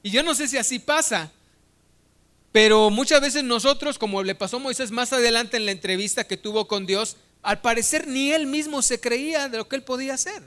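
A man's voice: very high-pitched, brisk, a bit bright, smooth. A man preaching a sermon, retelling a Bible story in a conversational, humorous way.

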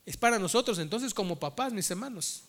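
Pastor guy preaching, high voice, keeps saying brothers. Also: lively intonation, brisk, fairly bright tone. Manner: storytelling, addresses listeners as brothers. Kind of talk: sermon.

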